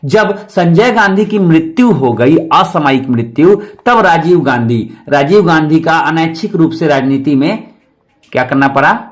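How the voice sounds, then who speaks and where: A man giving an exam-prep history lecture, explaining each point twice and asking rhetorical questions. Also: a little high. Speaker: history teacher.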